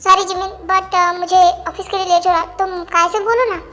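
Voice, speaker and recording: A woman voicing a calm, reserved young man who speaks quietly and firmly. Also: very high voice, a little fast, faint music behind.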